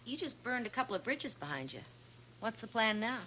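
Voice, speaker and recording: A woman's voice: fairly high pitch, sing-song, a little fast, bright, forceful tone. A woman playing a proud, combative middle-aged divorced mother in a television drama, blunt, scolding and sarcastic. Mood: dry sarcasm. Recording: noisy 1970s television soundtrack.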